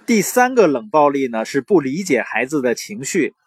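A young adult man giving parenting advice in an earnest, conversational manner, with anecdotes and drawn-out particles. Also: mid-range voice, sing-song, breathy edge, no room sound. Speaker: parenting commentator. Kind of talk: informal talk with anecdotes and advice.

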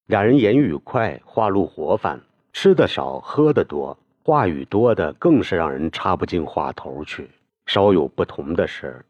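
Man, audiobook narrator, very deep voice, lively intonation, dry close sound. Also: no echo, dull audio. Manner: storytelling, expressive.

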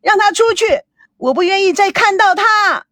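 A woman's voice: very high voice, expressive, moderate pace, bright, forceful tone, no room sound, voice pushed up, heavily acted. A woman voicing an adult daughter who screams in frantic despair in a hospital room. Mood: screaming.

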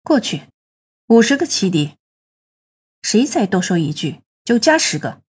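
A woman's voice: mid-range voice, sing-song, measured pace, a little mellow, breathy edge, full character voice. A woman voicing a strict training teacher handing out punishments. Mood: stern. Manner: stern, drawling.

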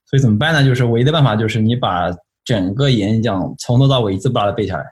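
A man's voice: medium pitch, very fast. A man from Shanghai, China, a guest on a podcast interview, reflecting at length in casual chat. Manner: reflective, explains at length with many fillers.

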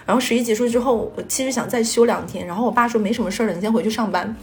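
Fast-talking young woman telling a story. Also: fairly high pitch, slight background noise. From Northeast China. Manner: rambling, strings clauses with "and then". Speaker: podcast storyteller. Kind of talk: emotional personal storytelling.

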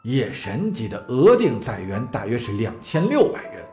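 A man narrating an audio drama in an expressive, dramatic way. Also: medium pitch, moderate pace, slightly rough, soft background music.

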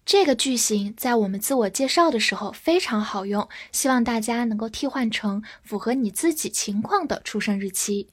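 A woman's voice: fairly high pitch, expressive, breathy edge. A woman teaching English vocabulary, spelling each word letter by letter and repeating example sentences for learners. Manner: spells words out letter by letter, slow drilled repetition. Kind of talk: spoken vocabulary lesson.

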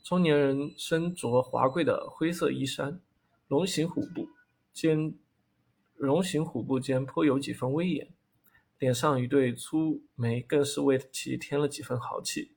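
Gravelly, husky male audiobook narrator. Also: medium pitch, a little slow, a little mellow. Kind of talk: audiobook narration of a fantasy novel.

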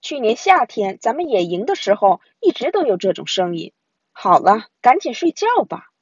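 A woman's voice: a little high, very animated, normal speed, breathy edge, no echo, highs cut off, full character voice. A woman voicing a confident big sister in a storybook, who explains things in a bossy, reassuring way.

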